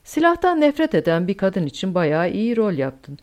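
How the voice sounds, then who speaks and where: A woman voicing a calm, fatalistic older male German officer in an audiobook. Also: mid-range voice, moderate pace, natural voice. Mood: resigned.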